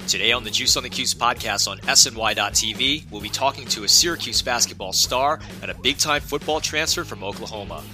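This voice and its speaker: A man's voice: medium pitch, fairly quick, hardly any pauses, bright, forceful tone, soft background music. A man hosting a podcast, asking polished, prepared questions of a guest. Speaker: podcast host. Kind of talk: scripted interview questions.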